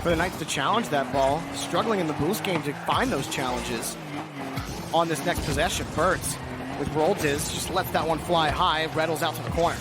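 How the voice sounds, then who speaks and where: A man's voice: on the high side, moderate pace, over loud music. A man doing esports play-by-play commentary as a caster, calling the action in clipped phrases.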